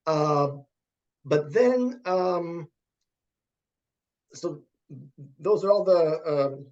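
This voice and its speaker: Halting high-voiced man, often repeating words. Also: darkish tone, highs cut off. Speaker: guest, computer science professor. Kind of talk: conversational interview.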